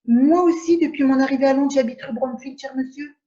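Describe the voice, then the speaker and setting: A woman's voice: high-pitched, warm tone, natural voice. A woman playing a prim, astonished English lady. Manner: measured, repetitive exclamations of polite surprise. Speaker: amateur actor. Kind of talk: absurdist stage dialogue. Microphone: video call. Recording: dull echoey room audio.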